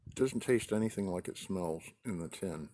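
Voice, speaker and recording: American guy w a lowish voice rambling out on his deck, lots of pauses mid sentence, casual vlog. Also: warm tone, slight background noise. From New England, United States. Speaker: pipe-smoking video host. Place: outdoors on a deck in a light breeze.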